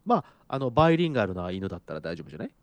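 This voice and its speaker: A man's voice: on the low side, very animated, dry recording, dull audio. A man co-hosting a podcast, chatting casually with teasing comebacks. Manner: teasing, quick comebacks, laughs often. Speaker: podcast co-host. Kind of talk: casual chat.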